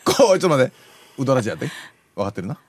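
A man with a co-hosts a radio show and keeps up a steady stream of quick backchannels. He talks at a very rapid clip, and his pitch leaps all over its range. The booth sounds dry and close. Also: no room sound. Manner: eager chatty sidekick with constant backchannels. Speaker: radio co-host. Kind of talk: casual radio banter.

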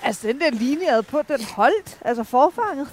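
Woman, high voice, casual storytelling outside w a bit of background noise. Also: animated, a little mellow. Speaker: angler. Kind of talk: casual chat and anecdote. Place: outdoors by the water. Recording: outdoor ambient noise, vehicle rumble.

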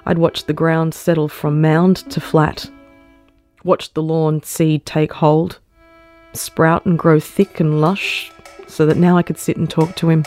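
A woman reading a first-person short story aloud, measured and sorrowful. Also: deep voice, little pitch movement, darkish tone, soft background music. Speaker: story narrator. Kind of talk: scripted first-person narration.

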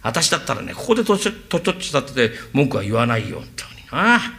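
A man's voice: sing-song, fast talker, gravelly, pushed and bright, full character voice. A man doing a boastful Edo chatterbox. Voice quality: fawning and boastful, swings in pitch. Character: chatty, boastful male hanger-on who mimics voices. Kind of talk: rakugo storytelling.

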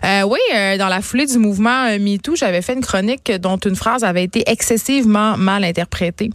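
Québécoise radio columnist, mid-pitched, dry studio, wry and chatty. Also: female voice, a little fast, no room sound. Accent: Quebec French. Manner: lively, wry, many fillers. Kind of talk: radio commentary.

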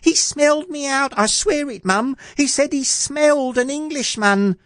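An excitable little storybook boy, cheeky and eager. The voice is pitched very high and squeals up and down in big swoops. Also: a little slow, no echo, clean studio sound, exaggerated voice. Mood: frightened.

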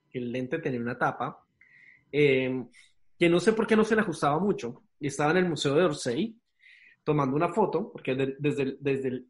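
A man speaks as a podcast guest in a loose, conversational way. His voice sits a little high. He is an animated, informal storyteller. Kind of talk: casual anecdote telling.

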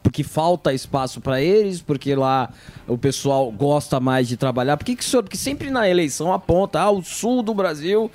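A man co-hosting a podcast who puts leading questions to the guest in an animated way. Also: on the high side, fairly quick. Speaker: podcast co-host asking questions. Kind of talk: casual podcast interview.

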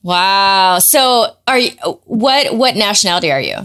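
A middle-aged woman hosting a podcast in loose, excitable casual chat, quick to laugh. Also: medium pitch, clear, resonant tone. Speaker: podcast host.

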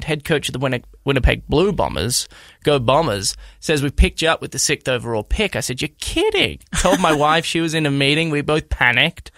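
A man in his thirties with an Australian accent, co-hosting a podcast and telling a story in a rambling, animated way with lots of fillers and restarts. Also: a little high, no echo, studio quality. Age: 30s. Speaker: podcast co-host. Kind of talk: casual storytelling chat.

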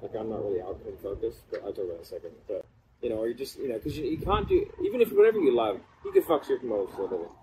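He talks very fast in a lowish, sing-song voice, wandering informally through a relaxed podcast chat while shivering in an ice bath. The background carries a clearly noticeable hum.

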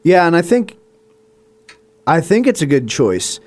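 A man's voice: fairly high pitch, very animated, a little slow, darkish tone. A man co-hosting a podcast chats casually about a film. He hesitates and restarts his sentences, and adds dry, wry remarks. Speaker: podcast co-host. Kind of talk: casual movie review chat.

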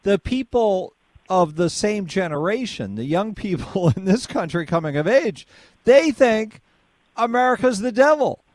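A man's voice: high-pitched, very animated, measured pace, a little mellow, dry recording. A male radio host on a call-in show, leading the caller along with pointed questions. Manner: probing, leads the caller with questions. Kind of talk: call-in talk radio debate.

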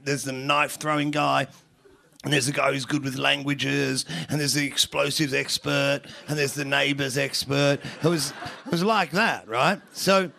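A man's voice: medium pitch, gravelly, fairly bright tone. An Australian man doing stand-up, telling a long, rambling story with heavy swearing and self-mockery. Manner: rambling, profane, self-mocking with restarts. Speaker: comedian.

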